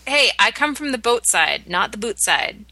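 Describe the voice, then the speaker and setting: A Canadian woman in her thirties co-hosts a podcast, chatting casually in Canadian English with lots of ums and restarts. Her voice sits on the high side and sounds sing-song, pushed and bright, at a moderate pace in a dry recording.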